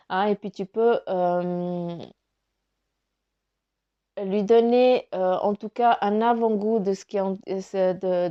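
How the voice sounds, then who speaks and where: A woman's voice: medium pitch, dark tone, lo-fi sound. Stuffy-nosed woman giving a rambling card reading. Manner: rambling, many fillers and restarts. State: stuffy nose from crying. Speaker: spiritual card reader. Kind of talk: casual spoken card reading.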